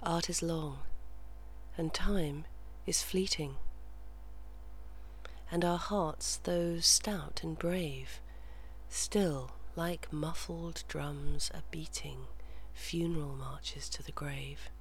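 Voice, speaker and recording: A soothing voice of medium pitch that moves very slowly through relaxation narration and verse. It slips in and out of whispering, with an audible hum behind it. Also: steady tone. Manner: soothing, measured, slipping in and out of whisper. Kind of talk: slow guided relaxation and soft poetry reading, often whispered. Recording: clearly audible hum and background noise.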